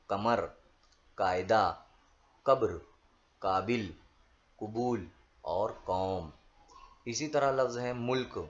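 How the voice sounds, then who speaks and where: A lower-voiced man teaches a lesson, calling out vocabulary one word at a time with steady, deliberate pauses between each. The recording sounds dull and lo-fi, with the top end muffled. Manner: slow, measured listing of words one by one. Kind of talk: reading out word lists for a school lesson.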